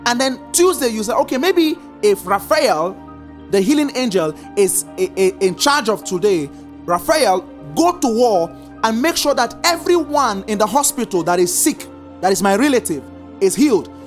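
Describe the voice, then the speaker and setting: A preacher teaches a congregation in a sermon, using lively sing-song emphasis and slow, drawn-out repeated commands to stress points. His pitch is medium, with faint music behind him.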